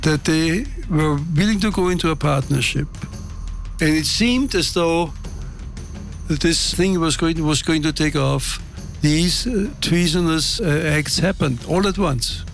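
Man, gravelly, somewhat high pitch, halting deliberate interview talk, faint music. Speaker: interviewed expert.

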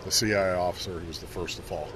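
A man with a fairly low voice tells stories in a relaxed, animated way, now and then stopping to read inscriptions aloud. He was recorded outdoors on a field recorder. Faint traffic and a slight hum of noise sit behind him. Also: racing. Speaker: interviewee, news colleague. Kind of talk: conversational storytelling on a walk. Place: outdoors at a cemetery. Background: faint traffic and planes overhead.

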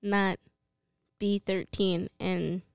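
A woman's voice: mid-range voice, flat delivery, extremely slow, gravelly, smooth, no echo, studio quality. A young woman co-hosting a podcast in casual chat, playful and teasing as she reacts and reads bits aloud. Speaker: podcast co-host.

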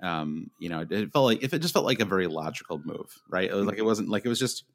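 A man co-hosting a casual fantasy football podcast, talking quickly and restarting his sentences when he gets excited. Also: on the low side. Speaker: podcast co-host.

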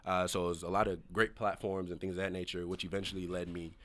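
A man's voice: deep voice, flat delivery, fast talker, fairly bright tone. A young adult man from Nigeria, a DJ guest telling his story in a casual podcast interview, upbeat and full of fillers.

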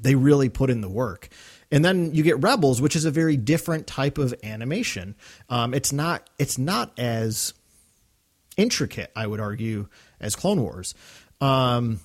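Rambling male podcast host. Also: mid-range voice. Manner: rambling, many fillers and restarts. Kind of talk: casual podcast chat.

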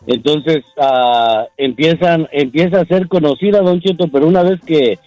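A man calls in to a radio show, joking with the host and then explaining things plainly. His voice is quite high and sounds dry and close. Faint music plays behind. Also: moderate pace, darkish tone, no echo, highs cut off. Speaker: caller. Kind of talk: casual radio chat.

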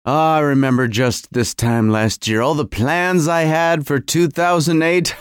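A man with a slightly high, smooth voice hosts a casual solo podcast from his home garage, speaking at a measured pace. He's feeling cold and rambles wryly, frequently cutting himself off. The sound is clean studio quality with no echo.

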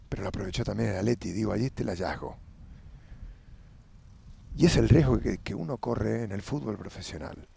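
Argentine guy rambling on his bike, super gravelly and husky voice. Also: fairly low pitch, warm tone, no echo. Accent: Argentine Spanish. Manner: thinking aloud, pausing mid-phrase. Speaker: podcast host. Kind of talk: casual spoken monologue. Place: outdoors riding a bicycle through a city.

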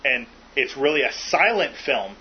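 A man's voice: medium pitch, very animated, a little slow. A man hosting a podcast in casual chat, joking and rambling with fillers. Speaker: podcast host. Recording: muffled lo-fi with faint hiss.

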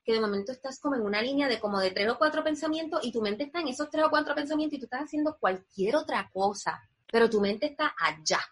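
A woman's voice: high voice, animated, quick pace, hardly any pauses, husky. A woman guest in a conversational interview, talking earnestly and reflectively, explaining things step by step.

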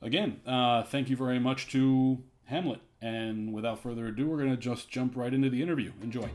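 A man hosting a podcast and interviewing a guest, relaxed and slightly stumbling. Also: mid-range voice, a little fast, faint music behind. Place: cigar bar. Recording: busy bar crowd behind. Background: crowd chatter.

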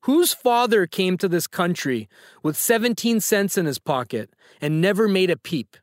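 A man's voice: sits high, expressive, moderate pace, no room sound, clean studio sound. A man hosting a casual trivia quiz, upbeat and teasing as he quizzes a caller. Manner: upbeat, playful, teasing quizmaster. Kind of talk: casual podcast quiz banter.

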